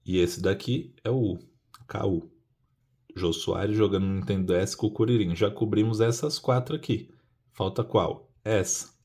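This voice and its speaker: A man's voice: on the low side, normal speed, darkish tone, slightly rough. A man explaining a puzzle-cube method step by step in a casual hands-on tutorial, often asking rhetorical questions.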